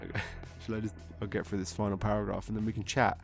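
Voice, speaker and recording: A man's voice: on the low side, flat delivery, fast talker, creaky, soft background music. Drunk, rambling man reviewing a film. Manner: drunk, getting drunker, rambling and losing his thread; frequent swearing, exasperated. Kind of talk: casual comedic film review, part scripted and part off-script rambling.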